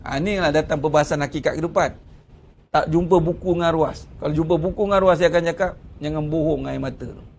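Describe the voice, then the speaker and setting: Male religious teacher, Malaysian Malay accent, high-pitched, conversational sermon delivery with rhetorical questions. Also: fast, gravelly, darkish tone, slight background noise. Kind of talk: Ramadan religious lecture.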